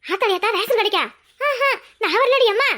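A woman voicing a fretful, sharp-tongued village wife in a cartoon, with a Tirunelveli Tamil accent. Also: extremely high pitch, fairly quick. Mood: grumbling. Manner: grumbling, scolding. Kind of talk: cartoon voice acting.

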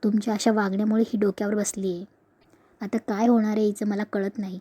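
A woman's voice: mid-range voice, level tone, a little fast, mellow, husky, dry recording, lightly acted. A woman reading a worried, scolding mother. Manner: scolding, anxious.

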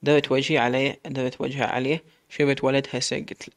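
A man's voice: mid-range voice, level tone, fast. A man with an Iraqi accent narrating a story in the first person, from a woman's viewpoint. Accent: Iraqi Arabic.

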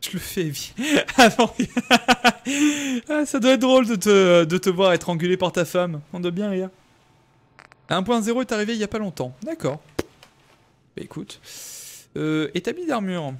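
A man's voice: sits high, expressive, normal speed, long pauses. A young man casually commenting on his game live, thinking aloud and answering viewers in chat. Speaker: streamer.

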